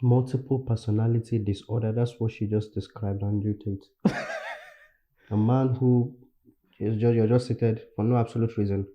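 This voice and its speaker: A man reacting to a video, animated and stammering, often jumping in over his co-host. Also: lowish voice, moderate pace, dull audio. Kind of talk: casual reaction commentary.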